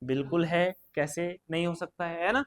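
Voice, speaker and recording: A man from Uttarakhand, India, with a fairly high, steady voice at normal speed, leads an exam prep lesson. He quizzes students, repeating each question and answer, chatting and addressing them directly.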